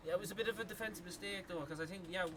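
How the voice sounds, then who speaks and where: Irish guy casting rocket league style esports live, slightly high voice, crowd loud behind him. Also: rapid-fire. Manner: excitable, rises to yelling on big plays, many "like" fillers. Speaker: esports commentator. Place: gaming arena venue.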